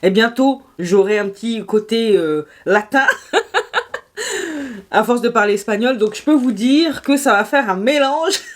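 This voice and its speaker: Woman, French accent, slightly high pitch, casual beauty vlog chat, animated, laughs a lot. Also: a little slow. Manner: chatty and animated, laughs often, slangy. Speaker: beauty vlogger. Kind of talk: casual makeup review chat.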